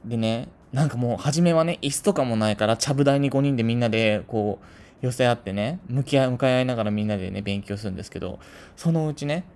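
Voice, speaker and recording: A man's voice: medium pitch, fast talker, a little mellow. A man from Tokyo telling a casual story to his channel in a chatty, rambling way full of asides. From Tokyo, Japan. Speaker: channel host.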